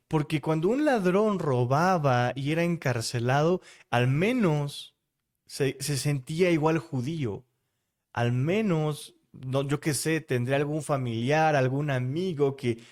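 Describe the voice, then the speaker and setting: A man's voice: fairly high pitch, a little slow, darkish tone. A man with a Mexican Spanish accent preaching a devotional sermon, speaking straight to the listener and posing rhetorical questions.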